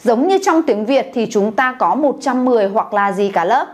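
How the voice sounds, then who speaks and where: A woman's voice: on the high side, lively intonation, normal speed. Woman teaching a Chinese class. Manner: calls on the class to repeat aloud, checks with questions. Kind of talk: classroom language lesson.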